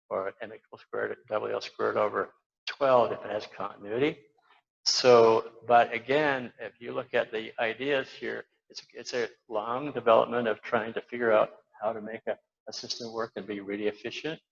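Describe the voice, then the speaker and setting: A man's voice: on the low side, creaky. An older man giving an informal slide lecture as an architect, rambling with many fillers and restarts. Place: lecture hall at an awards event. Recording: dull lo-fi lecture recording.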